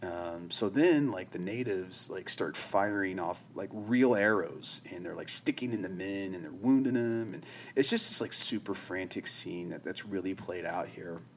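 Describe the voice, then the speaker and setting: A man's voice: low voice, moderate pace, hardly any pauses, slight background noise. A man hosting a podcast, rambling casually through a TV episode recap with lots of "you know" and "like". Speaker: podcast host.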